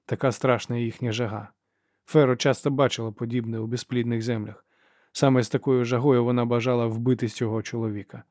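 A man narrating an audiobook in a steady, measured reading. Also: mid-range voice, no echo, studio quality. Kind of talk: scripted narration.

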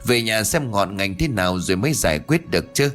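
A man voicing a calm older spirit master who gives slow, grave advice in a ghost story. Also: fairly low pitch, soft background music.

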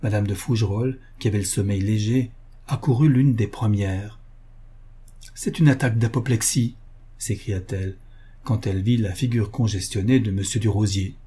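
A man reads a classic novel aloud in a steady, even way. His voice is very dark and mellow, with a husky edge. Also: lowish voice, normal speed. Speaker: audiobook narrator. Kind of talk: scripted narration.

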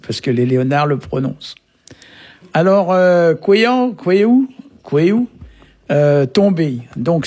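A man's voice: medium pitch, mellow, breathy edge. A man from Brittany, a language teacher, patiently explaining words on a radio lesson. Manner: patient, explanatory, peppers talk with short tags.

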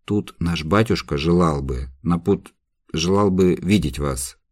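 A man reading the part of a male prison warden who speaks in a soft, ingratiating tone. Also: low voice, unhurried, dry recording, studio quality. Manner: soft, wheedling tone.

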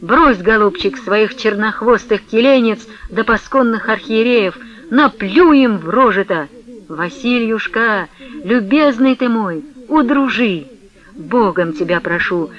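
A man voicing a hot-tempered old merchant who scolds and coaxes loudly, in a radio reading. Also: high voice, animated, slow, highs cut off, heavily acted. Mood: pleading. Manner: loud, scolding, coaxing.

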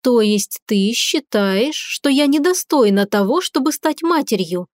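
A defiant young wife, played by a woman reader, sarcastic and impassioned, her voice sitting fairly high. The audiobook sound is close and dry, with no echo. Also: animated, measured pace. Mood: indignant.

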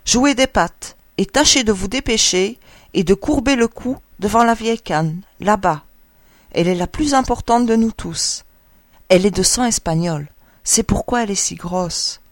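A woman's voice: mid-range voice, no echo, studio quality. A woman voicing a proud, protective mother duck who fusses over her ducklings, in a storybook reading. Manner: fussy, protective, doting. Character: anxious proud mother duck, female, adult.

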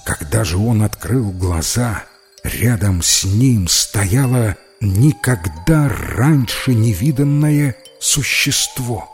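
A man narrating a children's story in an expressive storytelling style. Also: fairly low pitch, slow, faint music behind. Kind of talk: audiobook reading for children.

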